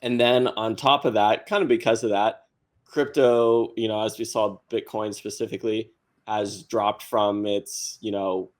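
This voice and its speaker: Male panelist, slightly low, conversational explainer tone. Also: fairly even intonation, measured pace. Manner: explanatory, chatty with fillers. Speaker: panelist on crypto. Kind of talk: casual podcast discussion.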